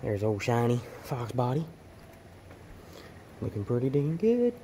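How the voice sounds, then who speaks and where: A garage vlogger gives a rambling, informal walkaround tour of his home workshop, talking into a handheld camera with fillers and restarts. His mid-range voice is warm and unhurried with big pitch swings, and there's a little hiss or hum.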